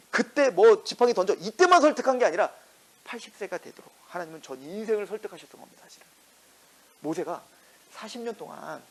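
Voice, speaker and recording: A male pastor preaching a sermon in a lively way, firing rhetorical questions and acting out the quotes in his story. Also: high-pitched, low-quality recording.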